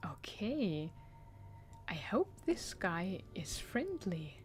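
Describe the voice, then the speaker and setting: A woman with a soft-toned, slightly low voice comments casually on a game. She speaks slowly, thinking aloud, with faint game ambience behind her. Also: sing-song, a little hiss or hum. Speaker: gamer commenting on play. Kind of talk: casual let's play commentary.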